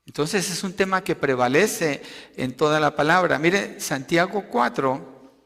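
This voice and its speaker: A man's voice: a little slow, gravelly. Emphatic preaching man in a reverberant hall. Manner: emphatic preaching, rising loud for quotations, dropping low to explain. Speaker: pastor. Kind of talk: sermon.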